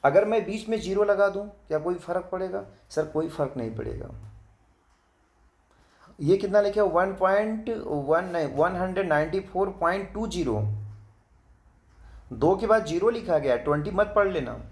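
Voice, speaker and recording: A man teaching children a math lesson, patient, repeating his points, asking if they follow, and reading digits out one by one. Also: high voice. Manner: reads digits slowly one by one.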